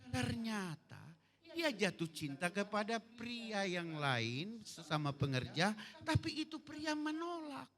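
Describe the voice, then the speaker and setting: A middle-aged man with a Manado accent preaching a sermon as pastor, animated, with humorous asides and bursts of shouting. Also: sits high, takes it slowly.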